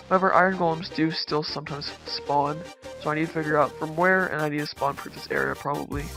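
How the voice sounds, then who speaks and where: A man speaking through a voice changer as he hosts a relaxed, easygoing tour of his game world. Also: fairly high pitch. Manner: laid-back, easygoing, talks while touring his builds. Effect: voice changer disguising his voice. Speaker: gaming channel host. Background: background music.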